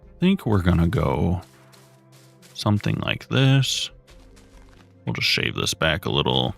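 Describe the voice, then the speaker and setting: A man in his thirties chatting casually with his live chat while building, relaxed and rambling. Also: low-pitched, measured pace, creaky. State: has the hiccups. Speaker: streamer. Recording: dry close mic, faint music behind.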